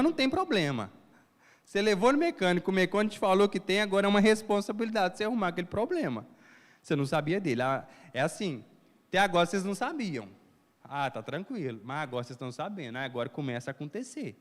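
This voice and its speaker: A pastor giving a lively sermon, often asking his congregation questions. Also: fairly high pitch, big-room sound. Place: church hall.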